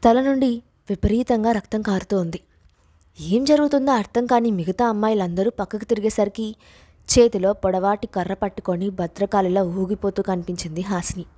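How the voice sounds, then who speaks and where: A woman storyteller giving an expressive dramatic narration of a suspense story. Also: mid-range voice, moderate pace.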